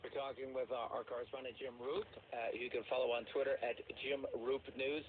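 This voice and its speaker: Male news radio host, mid pitch, hesitant live questioning, thin phone-band sound with faint hiss. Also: level tone, brisk. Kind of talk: live radio interview, unscripted. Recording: tinny phone-like radio audio, clear noise.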